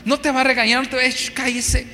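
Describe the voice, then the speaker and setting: A man's voice: very high-pitched, steady tone, rapid-fire, sharp tone. A man preaching a sermon as a pastor, earnest and repetitive, asking his listeners rhetorical questions. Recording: long hall reverb with faint music.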